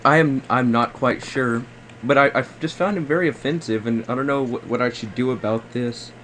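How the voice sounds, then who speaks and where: Posing as a customer, a prank caller makes a polite complaint over the phone, hesitating and repeating himself as he circles back over what he's said. His voice sits in the mid-range with a fairly bright tone, and he talks at a normal speed. Faint background noise runs under the recorded call.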